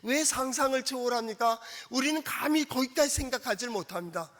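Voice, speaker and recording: A man preaching a sermon as pastor. He asks the congregation questions and acts out quoted speech in a soft, coaxing tone. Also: extremely high pitch, fairly quick. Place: church sanctuary. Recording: long church hall reverb.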